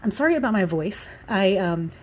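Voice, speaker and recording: With a mid-range, darkish voice, lively intonation and a moderate pace, this Southern woman in her thirties walks through a Sims building design. She is congested with allergies, slightly out of breath, and rambles casually with plenty of fillers.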